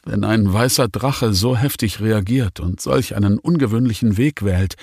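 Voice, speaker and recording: Guy doing a defeated young noble, flat voice, barely any tone. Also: fairly low pitch, normal speed, breathy edge, dry recording, clean studio sound. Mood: resigned. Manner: flat, nearly toneless. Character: troubled, resigned young nobleman.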